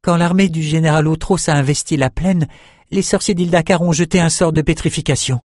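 A man's voice: fairly high pitch, steady tone, brisk, a little mellow, no room sound, pitched above the performer's own voice, lightly acted. A man voicing a frightened female shepherd who pleads in a raised, strained voice, recorded dry. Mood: pleading.

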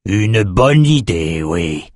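A gruff old wizard with a weary, grumbling voice, as a man puts him on. He speaks slowly and low, his words coming out heavily. The sound is close and dry. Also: very animated, darkish tone, no room sound, heavily acted. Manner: slow, low, grumbling delivery.

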